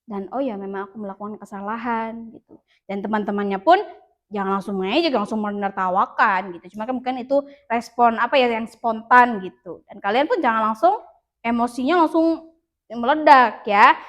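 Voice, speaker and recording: Female school counselor, fairly high voice, Indonesian accent, patient and encouraging with a class. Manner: patient, leads students through slow breathing, acts out child dialogue. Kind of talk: classroom guidance lesson.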